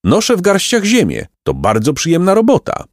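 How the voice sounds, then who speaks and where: A man's voice: high-pitched, huge pitch swings, normal speed, no echo, clean studio sound, pitched above the performer's own voice. A man voicing a cheerful, good-natured peasant who talks in a hearty, simple-hearted, laughing way, in a storybook reading.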